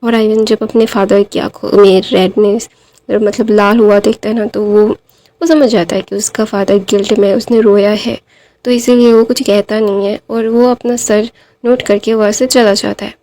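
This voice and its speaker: खरखराती आवाज़ वाली कहानी सुनाने वाली महिला. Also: female voice, medium pitch, little pitch movement, normal speed, dark tone. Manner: chatty, many fillers like "to wahan pe na". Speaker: storyteller. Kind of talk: casual fan-fiction retelling.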